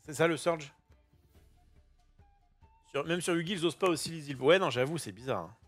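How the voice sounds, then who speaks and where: Lively, chatty man opening card packs. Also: a little high, a little fast, faint music behind. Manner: chatty and excitable, with casual slang and swearing; self-interrupting, thinking aloud. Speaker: host opening trading card boosters. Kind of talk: casual unboxing commentary. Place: home kitchen.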